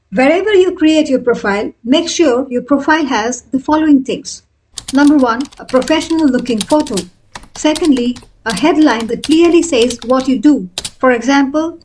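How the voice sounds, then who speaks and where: A woman in her thirties giving a scripted freelancing tutorial, explaining each step clearly and in order. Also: high voice, darkish tone, a little hiss or hum. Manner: clear, step-by-step instructional delivery. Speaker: freelancing coach.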